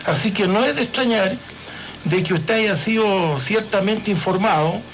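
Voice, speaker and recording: A man being interviewed as a guest on a radio show, explaining things in a measured way. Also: sits high, a bit bright, a little hiss or hum. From Chile.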